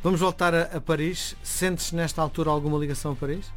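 Faint music plays behind this radio host, whose fairly high, steady voice moves fast. He has a European Portuguese accent and chats his way through an interview and the weather, pressing with probing questions.

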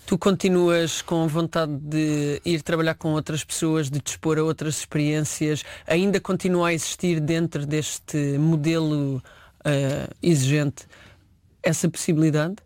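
A man's voice: on the high side, flat delivery, measured pace, a little mellow, dry recording. Man, interviewer, winding questions, dry sound. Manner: long winding questions with fillers.

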